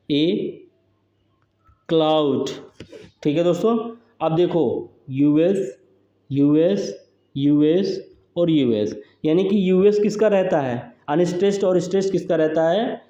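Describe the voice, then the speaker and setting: A man's voice: high-pitched, warm tone. A man teaching English poetry meter for exam preparation, who repeats each term and keeps checking in with his students. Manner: repetitive, drills terms aloud, says "ठीक है दोस्तों" often. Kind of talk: exam-prep lecture. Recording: echoey room, dull lo-fi sound.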